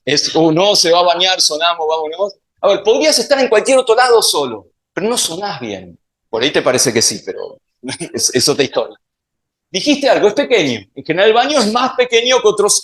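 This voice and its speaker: A man's voice: high-pitched, a bit bright. A man with an Argentine accent giving a playful public science talk, quizzing the audience with questions. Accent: Argentine Spanish. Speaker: science speaker.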